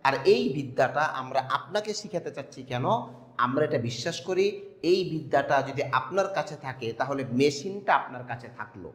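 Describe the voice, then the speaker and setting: A man's voice: mid-range voice, expressive, fairly quick, fairly bright tone. A man giving an instructional talk, emphatic, asking rhetorical questions and spelling out sounds step by step. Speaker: teacher. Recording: echoey room with long reverb.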